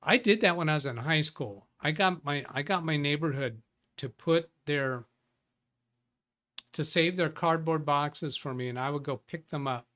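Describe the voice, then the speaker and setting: At a moderate pace and with a fairly high, fairly bright voice, a man runs a chatty live tech show. Greeting viewers by name, he frequently restarts his sentences in this casual stream chat.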